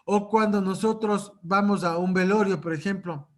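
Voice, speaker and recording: A man's voice: high voice, steady tone, normal speed. A man lecturing at a conference on psychological first aid, checking in with his audience through frequent rhetorical questions.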